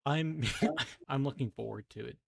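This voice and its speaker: A young man co-hosting a podcast, animated and sarcastic in casual chat, full of "like" fillers. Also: medium pitch, unhurried, gravelly, husky, dry recording, studio quality. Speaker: podcast co-host.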